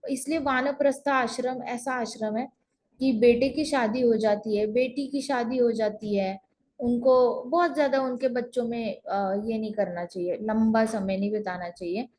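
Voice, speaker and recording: High-voiced woman telling a scripture story. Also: fairly even intonation, a little slow, a little mellow, a little hiss or hum. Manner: chatty, repeats phrases for emphasis, mixes in English words. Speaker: spiritual teacher telling scripture stories. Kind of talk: casual storytelling lesson over an online call.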